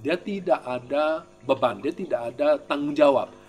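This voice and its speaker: A man who is a Buddhist monk, giving an informal Dharma teaching in a lively, conversational way, full of rhetorical questions. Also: normal speed, faint music behind. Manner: acts out quoted speakers with raised pitch.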